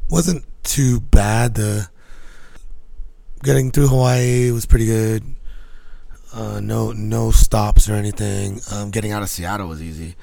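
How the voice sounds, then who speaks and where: A man's voice: on the low side, gravelly, mellow, no echo. A man from Guam hosting a casual solo podcast outdoors, rambling in loose, slangy, sweary talk. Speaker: podcast host.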